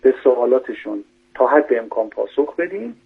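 Husky man on a tinny phone line. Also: medium pitch, expressive. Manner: methodical, lists numbered points. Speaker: doctor giving parenting advice. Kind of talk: radio call-in advice. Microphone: telephone.

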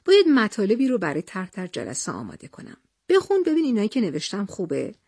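A gentle, devoted young husband and soldier who speaks earnestly and tenderly, as a woman narrator reads his lines. The voice is breathy, and the recording is dry and close. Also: mid-range voice, huge pitch swings, no echo, exaggerated voice.

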